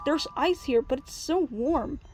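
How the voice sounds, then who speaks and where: A woman voicing a tiny childlike star creature in a storybook reading, with a squeaky, bubbly voice. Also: unhurried, music in the background. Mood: cheerful. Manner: squeaky, bubbly, wails when crying.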